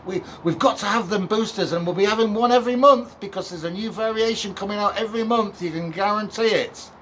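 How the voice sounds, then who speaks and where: A man's voice: high voice, fast, fairly bright tone, slight background noise, pitched above the performer's own voice. A man putting on a sarcastic, panicky voice of someone warning that everyone is dying. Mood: mock panic. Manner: sarcastic, exaggerated alarm. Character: mock-panicked man spreading doom.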